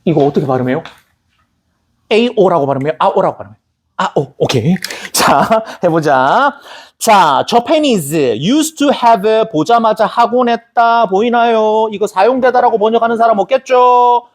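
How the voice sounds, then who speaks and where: In a recorded lecture, a man teaches English vocabulary in a chatty, lively way, spelling words out syllable by syllable and tossing joking asides to his students. His voice is high-pitched and unhurried, captured by a camera recording the lecture.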